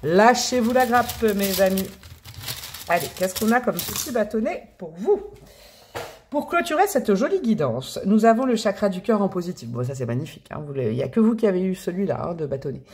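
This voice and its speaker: A chatty woman reading tarot cards straight to her viewers in a loose, playful manner. She talks at a middling pitch, tosses in fond nicknames for her audience, and keeps the tone easy and conversational. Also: animated, brisk, a little mellow, a little hiss or hum. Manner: chatty and playful, with affectionate pet names. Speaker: tarot reader. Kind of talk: casual tarot reading to camera.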